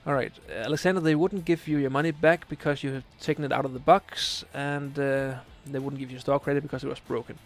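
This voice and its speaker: With faint music underneath, a man from Denmark in his late twenties rattles off answers fast, with hardly any pauses and little pitch movement in his medium voice. He's streaming a game late at night and reading questions from chat in a casual way. His Danish accent shows, and he hesitates with many fillers as he searches for English words.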